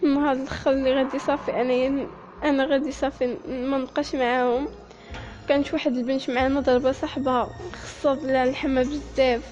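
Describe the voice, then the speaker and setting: A young Moroccan woman with a high voice tells her own painful story, halting and close to tears. The recording is dull and lo-fi. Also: little pitch movement, darkish tone, faint music behind. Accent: Moroccan Arabic. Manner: halting, emotional, often near tears. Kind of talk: personal story told to listeners.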